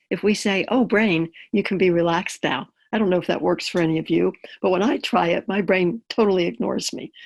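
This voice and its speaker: A woman leading a grounding exercise as an instructor, speaking in a calm, gentle, instructive way with a husky voice. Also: on the low side. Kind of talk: guided grounding exercise with explanation.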